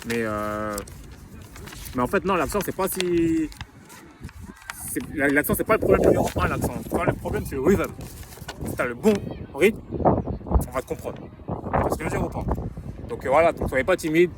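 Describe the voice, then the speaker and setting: A man's voice: a little high, expressive, moderate pace, pauses often. A young man from France casually talking in a vlog, rambling with street slang and lots of restarts, recorded outdoors in wind. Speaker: vlogger sharing English-learning tips.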